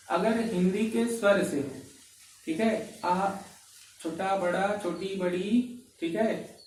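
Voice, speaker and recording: A man teaching English grammar in a lesson, slow and repetitive, dictating examples word by word. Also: high voice, darkish tone, distant mic. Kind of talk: classroom-style grammar lesson. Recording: very echoey room, voice from off-mic, faint noise.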